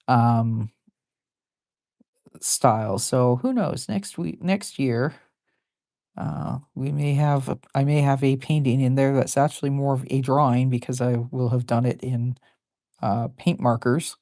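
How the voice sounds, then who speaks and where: Very low-voiced woman chatting while drawing. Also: darkish tone, no echo, clean studio sound. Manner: rambling and self-deprecating, with many fillers. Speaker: artist drawing on a live stream. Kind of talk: casual chat while drawing.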